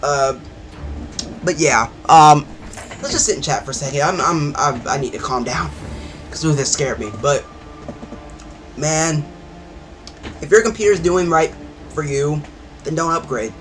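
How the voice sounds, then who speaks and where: A man's voice: on the high side, measured pace, long pauses, fairly bright tone, a little hiss or hum. A man streaming a game, chatting in a rambling way with sudden outbursts. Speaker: gaming streamer. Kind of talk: casual chat while playing.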